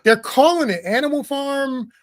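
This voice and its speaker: A man with a strikingly high voice co-hosts a political talk show, speaking bluntly and with animation and frequently laughing partway through his sentences. His pace is moderate, and the recording is dry and close, with no room sound at all.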